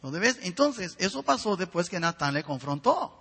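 A man's voice: high voice, very animated, moderate pace, fairly bright tone, slightly rough, in a large hall. A man preaching a sermon with fervor, often turning to ask the listeners direct questions.

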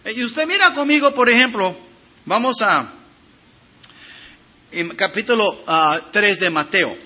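High, bright, lively preaching man. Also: a little slow. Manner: expressive preaching, reads scripture aloud, addresses congregation directly; emphatic swings in loudness and pitch. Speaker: pastor. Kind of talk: sermon.

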